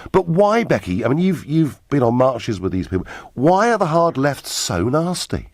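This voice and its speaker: English male radio host, very lively pitch, dry studio sound. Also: normal speed, no echo. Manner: animated, interjecting, chuckling often. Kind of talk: talk radio phone-in. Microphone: studio mic.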